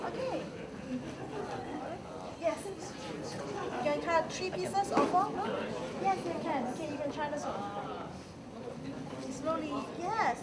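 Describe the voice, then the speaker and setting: A young woman with a Malaysian English accent casually guides people through a hands-on cooking demonstration, chatty, encouraging and quick to laugh. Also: very high voice, distant mic. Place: bright indoor activity room. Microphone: far camera. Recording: echoey room with loud crowd chatter.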